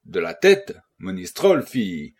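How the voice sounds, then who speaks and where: Husky man narrating a classic novel. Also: slow. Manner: voices characters' quoted lines with lively, rising pitch. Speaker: audiobook narrator.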